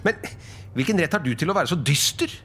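A man voicing a cheerful young man in a storybook reading, calling out jolly and bright. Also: a little high, animated, slight background noise, voice pushed up.

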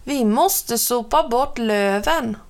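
A woman's voice: a little high, natural voice. A woman voicing a practical, bossy little girl in a storybook reading.

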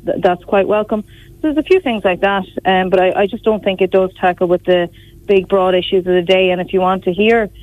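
This opposition politician from Galway has a mid-range voice and speaks a little fast, with her west of Ireland accent clear. Discussing politics on the radio, she keeps it chatty, full of "you know" and "like". No room sound comes through, and the audio is dull and dry.

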